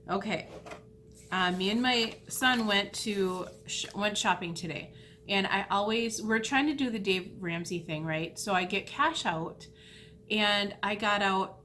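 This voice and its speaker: A woman vlogging in a casual, rambling way, retelling a mishap with animated, self-deprecating asides. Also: medium pitch, a little hiss or hum. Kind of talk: casual storytelling vlog.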